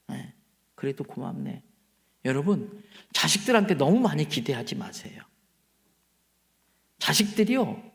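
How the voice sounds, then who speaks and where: A male pastor preaching a revival sermon in a church, telling stories with animated swings and dropping to quiet asides. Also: sits high, gravelly.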